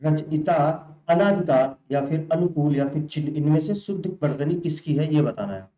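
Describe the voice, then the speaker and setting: A man's voice: on the high side, moderate pace, mellow. A man teaching as a Hindi exam tutor, going through spelling questions and repeating each answer back to the learners as a question. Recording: roomy, muffled recording.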